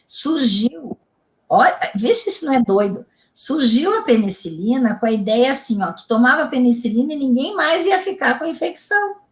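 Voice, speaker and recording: A middle-aged integrative therapist from Rio Grande do Sul, Brazil, tells stories in a casual interview. Her high voice moves at a moderate pace, and her storytelling is animated and emphatic, with repetitions.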